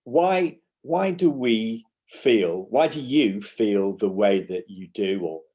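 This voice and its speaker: Here the interviewee is a Yorkshire man who publishes educational material and gives talks in schools. His voice is lowish and dark, his intonation lively, and he explains in short bursts full of restarts and fillers throughout the conversational interview.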